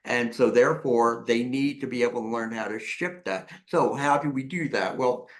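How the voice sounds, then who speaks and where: A man appearing as a therapist and author on a podcast, explaining ideas in a lively way and acting out examples. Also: mid-range voice, moderate pace. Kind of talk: conversational interview.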